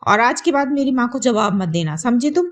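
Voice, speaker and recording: A woman's voice: fairly high pitch, animated, fairly quick, close to an everyday voice. A woman voicing a dismissive, hot-tempered young husband with a brusque manner.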